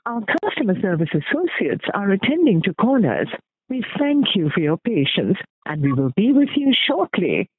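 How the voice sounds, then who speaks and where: A woman reading recorded bank phone menu prompts, spacing out numbers slowly and carefully. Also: medium pitch, big pitch swings, a little hiss or hum. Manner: slow, carefully spaced numbers. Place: studio voice heard through a phone call. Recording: tinny phone line.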